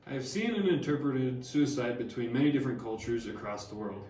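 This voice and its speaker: In a class skit read from script, a young man portrays the learned older woman Harriet Martineau, lightly acted and measured, with small stumbles in his plain reading. His medium-pitched voice is brisk with a darkish tone. An echoey room, distant mic and slight background noise mark the amateur recording.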